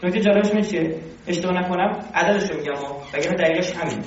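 A man giving an informal religious lecture, animated and conversational, full of rhetorical questions. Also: sits high, slight background noise. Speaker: religious teacher. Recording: very echoey, distant and dull.

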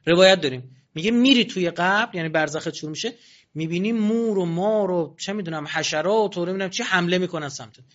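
A man giving a religious sermon in colloquial, animated speech with mocking asides. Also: high voice. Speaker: preacher. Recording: dull lo-fi recording.

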